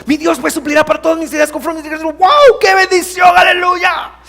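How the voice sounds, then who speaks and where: A man playing an overjoyed male churchgoer who shouts his praises with excitement. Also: extremely high pitch, brisk, creaky, voice pushed up, heavily acted. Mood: ecstatic. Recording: reverberant hall, faint hum.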